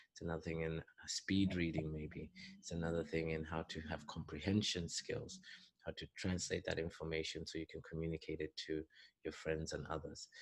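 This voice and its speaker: Middle-aged Zambian-born business coach, very low and even delivery, earnest mentor tone, dry close mic. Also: male voice, husky, dry recording. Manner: earnest, advice-giving, thinks aloud with fillers. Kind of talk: recorded advice talk for a youth summit.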